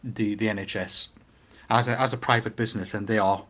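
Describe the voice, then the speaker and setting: Here a middle-aged Geordie talks a little fast in a lowish voice. Casual and animated, he shares his views and keeps asking rhetorical questions. He brings his stories to life by performing the quotes.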